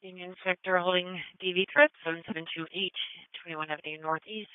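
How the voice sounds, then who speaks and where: A man's voice: sits high, steady tone, fairly quick, smooth, no room sound. A male police dispatcher giving clipped, formal calls over a police radio transmission. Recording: tinny, narrow radio band.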